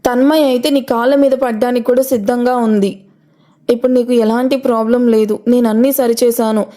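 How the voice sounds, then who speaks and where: A woman's voice: a little high, steady tone, a little fast, natural voice. A woman voicing an angry, insistent young father. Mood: pleading. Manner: shouting, then pleading.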